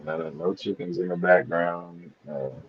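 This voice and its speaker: A man from Missouri chats on a casual live panel in a low-pitched voice, fairly even in intonation, at normal speed. He rambles loosely and profanely as he tells stories, and the stream audio is dull and lo-fi with slight background noise.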